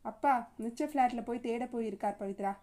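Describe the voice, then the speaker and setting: A woman reading the part of an older mother and grandmother, halting and stammering through her words. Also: fairly high pitch, dark tone, lightly acted. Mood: shaken.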